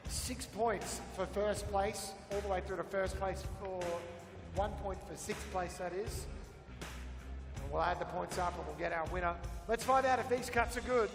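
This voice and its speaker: A man's voice: high-pitched, normal speed. Australian male event commentator, casual delivery, echoey venue, music underneath. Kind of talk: live sports commentary and announcing.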